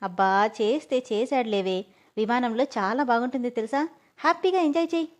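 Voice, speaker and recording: A woman voicing a cheeky young woman friend who talks in a teasing, lively way. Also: fairly high pitch, a little fast, lightly acted. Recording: dull lo-fi audio.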